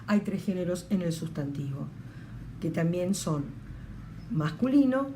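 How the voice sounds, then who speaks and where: A woman with an Argentine Spanish accent teaching an online language lesson, slow and patient, repeating words and checking in with her students. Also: fairly low pitch, animated, dark tone, slight background noise.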